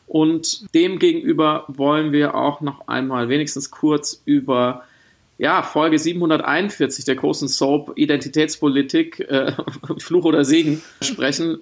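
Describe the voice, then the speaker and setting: A man with a gravelly, slightly raised voice co-hosts a relaxed podcast chat. He talks in long, searching sentences and keeps breaking off to rephrase. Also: fairly high pitch. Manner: thoughtful, wordy, with frequent restarts and laughs. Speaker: podcast co-host. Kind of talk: casual podcast conversation.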